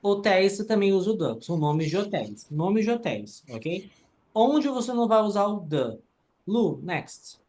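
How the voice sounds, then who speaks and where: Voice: medium pitch, sing-song, moderate pace, a little mellow. An English teacher, explaining grammar rules step by step in an online class and checking in with the students.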